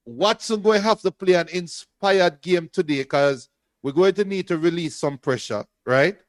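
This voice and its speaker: High-voiced joking man. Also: moderate pace, no room sound. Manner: jokey, reads out viewer shout-outs, laughs often. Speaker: watch-along co-host. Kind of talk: casual football watch-along banter.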